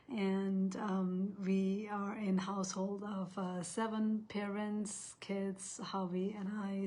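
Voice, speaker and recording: A woman's voice: medium pitch, a little mellow. A woman in her thirties from Nepal, hosting a casual livestream in a chatty, rambling way, often restarting sentences. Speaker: host.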